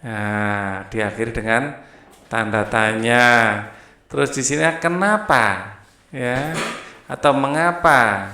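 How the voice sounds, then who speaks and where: Male primary teacher, slow explanatory delivery, roomy echo. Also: mid-range voice, pushed and bright, a little hiss or hum. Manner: slow and explanatory, often adding "ya". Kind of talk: explaining a school textbook lesson. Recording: echoey room.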